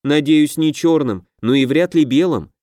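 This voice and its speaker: A man's voice: fairly high pitch, moderate pace, warm tone, no echo, studio quality, voice pushed up, lightly acted. A man voicing a grand, self-important half-orc pirate who would be king in an audiobook. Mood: commanding.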